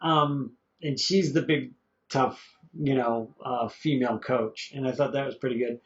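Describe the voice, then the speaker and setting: A man's voice: medium pitch, steady tone, a little slow. Chuckling man reviewing movies, lo-fi. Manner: rambling, chuckling, stumbles over names. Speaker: podcast co-host, movie reviewer. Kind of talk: casual chat. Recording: dull lo-fi podcast audio.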